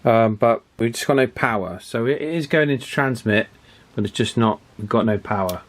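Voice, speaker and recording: A man with a medium-pitched voice at normal speed presents a video as a radio repair hobbyist. His commentary is casual and hands-on, as he thinks aloud hesitantly and methodically, repeating himself while he works.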